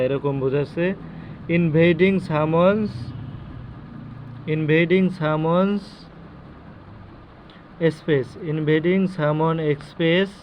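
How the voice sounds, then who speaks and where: Man teaching slowly, dull lo-fi audio. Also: on the high side. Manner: explains each term slowly, repeats words, mixes in English. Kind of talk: lesson explaining a chart. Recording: dull lo-fi audio with faint noise.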